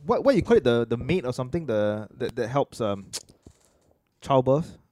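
Male podcast host, Singaporean, lively swooping intonation, casual Singlish joking, dry close sound. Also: mid-range voice, normal speed, dry recording. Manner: speaks colloquial Singlish with lah and local phrasing. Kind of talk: casual crude joking chat.

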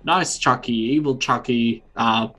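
Casting note: male podcast co-host, middle-pitched voice, loose rambling chat with plenty of swearing. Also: measured pace, sharp tone. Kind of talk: casual chat.

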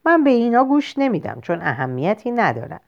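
Woman doing a calm country doctor, patient, matter-of-fact, lively lines, muffled lo-fi sound. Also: a little high, creaky, pitched above the performer's own voice. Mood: explaining. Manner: patient, explaining matter-of-factly. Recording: lo-fi muffled recording.

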